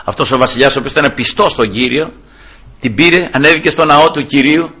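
Preacher, male, high bright voice, emphatic delivery that leaps up on quotations. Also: slightly rough. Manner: emphatic, rising sharply when quoting scripture; addresses listeners as brothers. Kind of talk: sermon.

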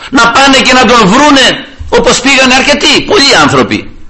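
A man's voice: extremely high pitch, big pitch swings, bright, forceful tone. A man preaching a sermon after a scripture reading, calling his listeners brothers and pressing them with rhetorical questions. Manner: reads scripture in an old formal cadence, then preaches freely.

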